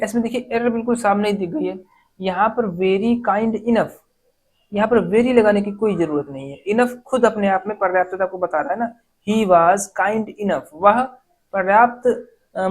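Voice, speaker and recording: A woman teaching an exam-prep grammar lesson, reading English sentences slowly word by word and then explaining them. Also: mid-range voice, low-quality recording.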